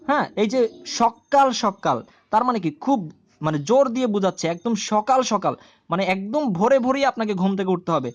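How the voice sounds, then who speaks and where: In a mid-range voice, a woman leads a grammar lesson for a video audience. She explains things slowly and repeats the key terms, often asking a question and then supplying the answer herself.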